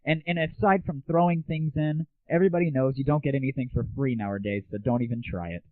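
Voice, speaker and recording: An irreverent man hosts an internet audio show, ranting and chatting solo at a fast clip in a mid-range voice. The sound is muffled, phone-like lo-fi audio typical of 1990s internet recordings, with no echo.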